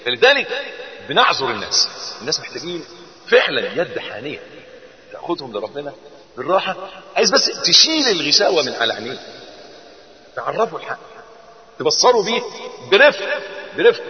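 A man with an Egyptian Arabic accent preaching a sermon, swinging between loud emphasis and soft, gentle tones. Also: on the high side, very animated, quick pace, long pauses. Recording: muffled, with long hall reverb.

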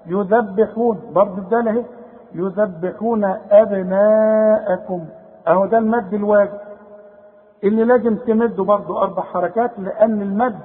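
A high-voiced man with an Egyptian accent coaches a student through recitation. He explains each rule patiently, checks in with short questions, and draws out the words he recites. The sound is thin and phone-like, with a long echo. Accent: Egyptian Arabic. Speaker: Quran recitation teacher. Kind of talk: one-on-one recitation lesson.

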